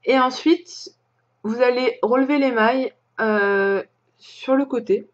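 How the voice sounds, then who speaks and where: A woman from France hosting a crafting podcast, chatting casually and hesitantly with plenty of pauses and restarts. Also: a little high, lo-fi sound. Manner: hesitant, many fillers and restarts, chatty with light laughs. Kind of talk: casual show-and-tell chat.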